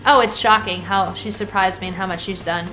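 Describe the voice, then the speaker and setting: Woman, playful friend being interviewed, animated storyteller. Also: medium pitch, a little fast, soft background music, low-quality recording. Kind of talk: casual interview talk.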